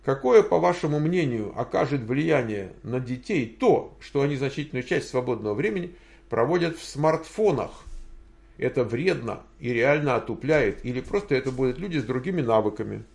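An older man with a gravelly, creaky voice hosts a relaxed Q&A for his viewers. He drifts through his answers and thinks aloud, pausing often to hunt for words. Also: mid-range voice. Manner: rambling, thinking aloud with many hesitations. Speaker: host answering viewer questions. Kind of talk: casual livestream Q&A.

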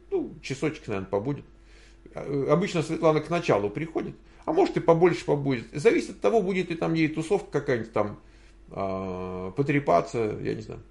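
An older man with a gravelly, creaky voice hosts a relaxed Q&A for his viewers. He drifts through his answers and thinks aloud, pausing often to hunt for words. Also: a little high. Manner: rambling, thinking aloud with many hesitations. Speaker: host answering viewer questions. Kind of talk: casual livestream Q&A.

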